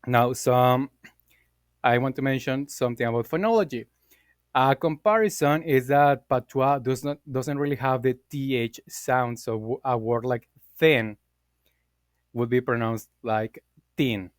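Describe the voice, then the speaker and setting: A man giving an explanatory class presentation, speaking deliberately with fillers and quick self-corrections. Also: mid-range voice, fairly even intonation, clean tone, dry recording, clean studio sound.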